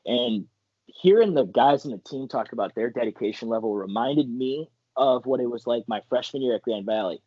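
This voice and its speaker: A man's voice: medium pitch, moderate pace, no echo, lo-fi sound. A young man from Michigan, a college wrestler guest, telling stories animatedly in a casual interview, full of "like" fillers. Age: young adult. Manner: animated, acts out quotes, many "like" fillers.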